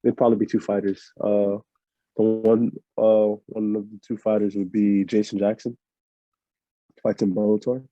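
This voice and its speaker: A young man from Miami, a fighter answering interview questions in a relaxed, rambling way full of fillers. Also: fairly low pitch, normal speed, no echo. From Miami, USA. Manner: laid-back, rambling with many fillers. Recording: muffled lo-fi audio.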